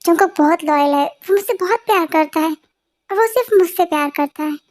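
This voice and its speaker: A woman's voice: extremely high pitch, a little fast, a little mellow. A woman voicing an anxious young wife who worries aloud about her husband in a dubbed fan story. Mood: worried. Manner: worried, self-reassuring.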